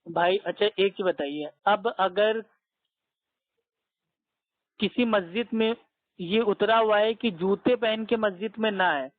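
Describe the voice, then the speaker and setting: A man's voice: sits high, slow, long pauses. A man debating over a phone call, patiently laying out his point with repeated everyday examples. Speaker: debater questioning the other caller. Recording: tinny dry phone line.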